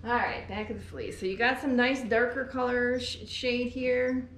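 A woman's voice: on the high side, little pitch movement, normal speed, fairly bright tone, a little hiss or hum. A middle-aged woman, a sheep farmer, chatting enthusiastically while she works at a table in a barn, filmed by a camera a few feet away. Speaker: sheep farmer and fleece seller. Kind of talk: casual demonstration while working. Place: indoor barn by a fleece-skirting table. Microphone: camera on tripod a few feet away. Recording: echoey barn with faint ambience.

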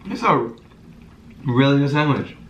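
A man's voice: medium pitch, expressive, a little slow, highs cut off. Laid-back young man in an echoey room. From Canada. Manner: laid-back, joking, laughs often. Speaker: vlog co-host. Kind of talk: casual food review vlog. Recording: echoey room, mic at a distance, faint noise.

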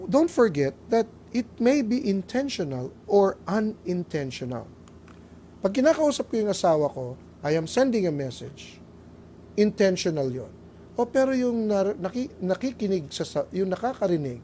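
A middle-aged Filipino man delivers a family talk with a lively, swinging pitch. He tells stories, acts out little voices and drops in English phrases. Faint noise hums behind him. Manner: animated storytelling, acting out voices, mixing English phrases. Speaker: lay preacher.

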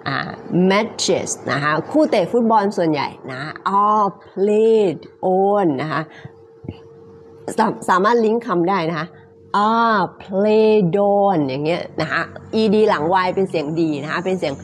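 A woman teaching English pronunciation, repeating phrases word by word and then explaining them quickly, with frequent polite particles. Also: lowish voice, lively intonation, a little hiss or hum. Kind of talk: live-streamed pronunciation lesson.

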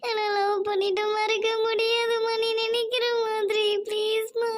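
A woman's voice: extremely high pitch, little pitch movement, measured pace, music in the background. A young woman playing a college girl in love, pleading tearfully with her mother. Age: young adult. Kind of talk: amateur audio drama.

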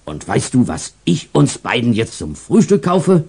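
A man's voice: medium pitch, huge pitch swings, measured pace, heavily acted. A male narrator voicing a poor old market stall owner, blustery but kind. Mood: blustery, kindly. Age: older. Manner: loud exclamations, warm gruff kindness. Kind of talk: storybook character voice.

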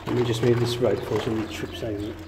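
A man's voice: mid-range voice, level tone, rapid-fire, noisy background. A man filming by a canal, chatting and teasing with a laugh in his voice, recorded on a handheld camera outdoors. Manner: jokey, laughs often, teasing. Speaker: cameraman and magnet fishing partner. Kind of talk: casual outdoor banter.

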